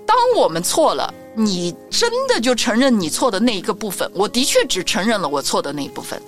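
Brief: middle-aged woman, co-host of a faith talk show, lively storyteller, soft music bed behind. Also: medium pitch, brisk. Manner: animated storytelling, acts out quoted voices.

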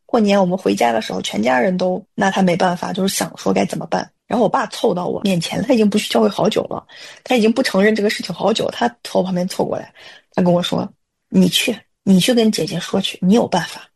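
A woman tells a lively story about her family and her faith, quick and chatty, sometimes acting out what her relatives said. Her voice is gravelly and a little husky. She speaks in an everyday conversational way. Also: medium pitch. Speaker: church worship leader. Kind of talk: testimony in casual conversation.

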